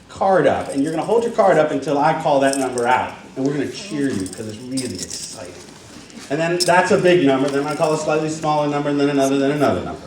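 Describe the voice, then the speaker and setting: A man's voice: mid-range voice, slight background noise. A man working as auctioneer and emcee at a fundraising gala, joking and laughing as he explains the bidding. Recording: echoey hall from far off, loud clicks.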